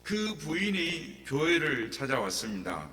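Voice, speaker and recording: A man's voice: a little high, sing-song, a little slow, sharp tone. A male pastor preaching a sermon in a church and telling stories dramatically, acting out the voices. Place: church sanctuary. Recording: echoey church hall, mic at a distance, faint hum.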